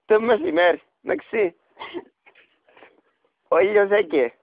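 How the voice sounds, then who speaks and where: A man's voice: high voice, sing-song, creaky, dry recording. A man with a Cypriot Greek accent making a radio prank phone call, pleading and rambling theatrically with cooing pet names. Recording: dull radio recording.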